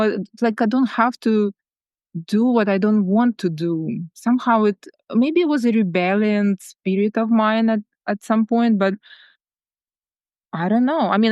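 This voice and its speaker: A woman from Ukraine with a Ukrainian accent, speaking reflectively as a guest in a podcast interview, often repeating words and laughing softly. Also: medium pitch, clear, resonant tone, no echo, clean studio sound. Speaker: guest artist.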